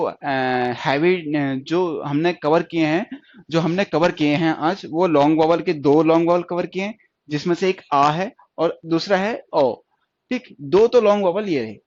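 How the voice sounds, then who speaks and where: A man teaching shorthand in a classroom lesson, explaining step by step and repeating each point with checking questions. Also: a little high. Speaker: stenography teacher. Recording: dull lo-fi dry recording.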